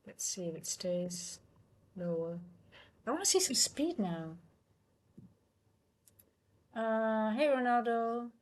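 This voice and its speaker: A native Dutch speaker from the Netherlands, this woman hosts a live trading stream and thinks aloud in halting, casual commentary. Her Dutch-accented voice sits on the high side and sounds animated.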